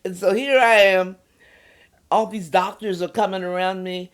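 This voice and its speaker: An older woman being interviewed, calmly recounting a personal story and acting out the quoted voices of others. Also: mid-range voice, normal speed. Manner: animated retelling, voices quoted speech, soft at tense moments. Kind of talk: conversational storytelling.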